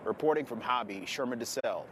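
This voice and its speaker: An American man gives a TV news report outdoors near an airport, speaking quickly in a mid-range voice with lively intonation. Traffic and other outdoor ambient noise can be heard in the recording.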